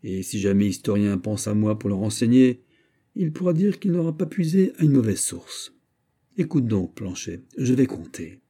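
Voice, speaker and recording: A man's voice: lowish voice, very animated, moderate pace, warm tone. A man voicing a bold, swaggering middle-aged musketeer captain who barks commands and exclamations in a storybook reading. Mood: commanding, jubilant. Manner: exclamatory, commanding, swears "mordieu".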